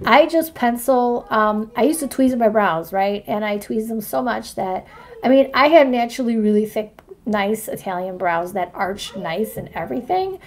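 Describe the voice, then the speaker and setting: A woman's voice: a little high, lively intonation, moderate pace. A woman in her forties chatting casually on a livestream as she walks through her makeup routine. She rambles and keeps asking "right?" and "you know what I mean?". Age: 40s. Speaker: astrology vlogger showing her makeup routine.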